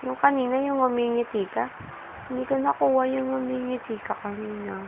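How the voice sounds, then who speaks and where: A mother, cooing slowly in soft baby talk to her infant. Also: high-pitched, fairly even intonation, vocal fry. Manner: cooing, sing-song, slow and soft. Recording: muffled phone-like home video with hiss.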